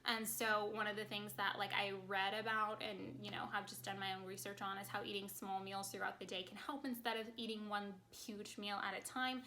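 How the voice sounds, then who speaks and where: A woman vlogger chatting casually to camera, congested and short of breath, talking very fast. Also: medium pitch, flat delivery, bright, forceful tone, a little hiss or hum.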